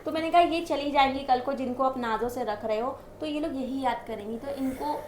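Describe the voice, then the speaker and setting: A woman guest in a casual interview, talking a lot and telling animated stories about her marriage. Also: high voice, brisk, echoey room, slight background noise. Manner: talkative, animated storytelling.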